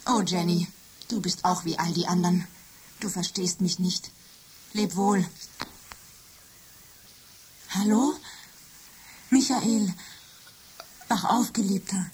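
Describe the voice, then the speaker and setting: A woman playing a lovesick, jealous female office computer in a radio drama, speaking softly and often in a whisper. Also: lowish voice, slow pace, long pauses, slightly rough, full character voice. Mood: obsessive, tender. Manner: soft, intimate, often whispering. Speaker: computer character.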